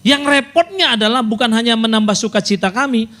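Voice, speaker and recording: A man's voice: extremely high pitch, a little fast, a bit bright. A man preaching as pastor, telling a personal story in a casual, conversational way. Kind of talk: storytelling sermon. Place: church service.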